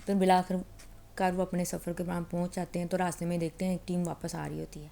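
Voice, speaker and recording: A woman's voice: on the low side, little pitch movement, vocal fry, warm tone. A woman casually retelling a novel as a storyteller, talking in a conversational way with small restarts. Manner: conversational, with small restarts and plain voiced quotes.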